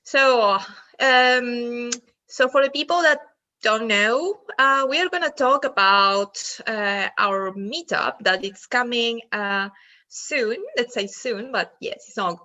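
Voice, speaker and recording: A woman's voice: fairly high pitch, takes it slowly, bright, forceful tone, muffled recording. A woman with a Spanish accent, moderating a casual online roundtable, hesitant and full of fillers. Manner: hesitant, many fillers and restarts.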